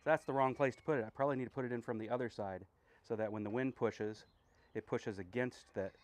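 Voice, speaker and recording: A man's voice: mid-range voice, fairly even intonation, fast. Chatty blacksmith man thinking aloud. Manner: chatty, self-deprecating, thinks aloud with many fillers. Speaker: blacksmith streamer. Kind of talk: casual talk while working. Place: blacksmith workshop.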